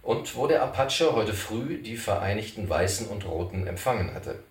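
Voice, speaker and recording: A man narrating an adventure story as an animated audiobook reading. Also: on the low side, moderate pace. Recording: roomy, distant mic.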